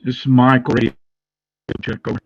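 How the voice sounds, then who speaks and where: A man's voice: medium pitch, completely flat delivery, moderate pace, dry recording, muffled recording. A man checks in tersely over a remote connection that keeps breaking up. His voice comes through fuzzy and garbled, and sounds distant from the mic. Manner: terse radio-style check-in. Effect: broken-up, fuzzy remote audio. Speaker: remote meeting participant. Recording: garbled distant call-in line.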